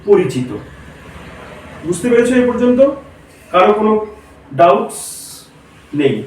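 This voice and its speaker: A male teacher lectures a class, explaining each point slowly and stopping to quiz his students. His voice sits high and carries a heavy room echo. He sounds some distance from the microphone. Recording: echoey room, mic far off.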